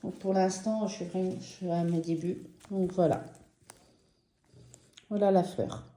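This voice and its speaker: A French woman chatting casually and enthusiastically about her embroidery projects in a vlog, slow and gentle with many fillers. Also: lowish voice, fairly even intonation, echoey room. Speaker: embroidery vlogger. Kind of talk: casual show-and-tell vlog.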